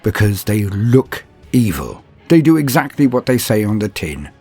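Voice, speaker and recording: Soft music plays behind a man narrating scripted fantasy wargame lore for his tabletop lore channel, in a theatrical, florid and formal style. His lowish voice is mellow and husky, very animated, and moves at a moderate pace.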